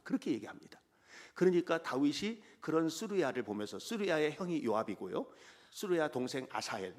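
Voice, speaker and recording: Dramatic pastor swinging from whisper to shout. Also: male voice, medium pitch, gravelly. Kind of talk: sermon.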